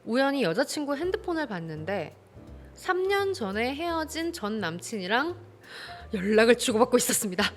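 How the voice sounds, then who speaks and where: A woman hosts an advice show, reading a listener's letter and answering it with indignant, animated commentary. Her voice sits fairly high and swings widely in pitch. Faint background music plays under her. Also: moderate pace. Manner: animated, indignant, acts out dialogue. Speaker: host giving advice on listener stories. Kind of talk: casual advice talk.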